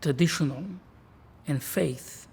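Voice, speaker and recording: A man's voice: fairly high pitch, creaky, a little mellow, slightly rough. A man, a rabbi talking earnestly and reflectively in an interview. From Israel. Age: 40s. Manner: earnest, measured, with restarts.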